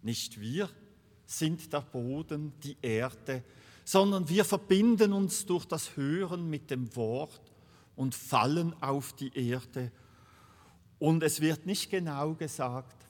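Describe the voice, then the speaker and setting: A man preaching a sermon in a slow, deliberate way, repeating key words for emphasis. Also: mid-range voice. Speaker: pastor. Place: church. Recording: long reverb of a church hall.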